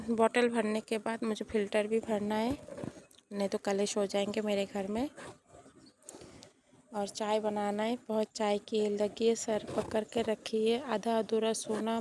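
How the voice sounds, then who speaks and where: A young woman talks through her household chores in a relaxed voice-over, her throat a little hoarse and her voice sleepy. She sits a bit high in pitch and stays fairly flat, rambling on in a chatty, confiding way, with faint noise underneath. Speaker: vlogger. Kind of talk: casual voice-over narration of daily chores.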